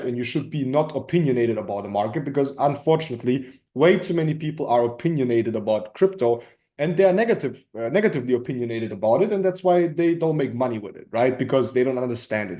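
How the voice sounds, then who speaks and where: A crypto trading coach with a German accent hosts an informal community group call in a warm, mid-range voice. He explains emphatically and repeats himself, often checking in with "right?" and "okay?". The recording sounds roomy and echoing.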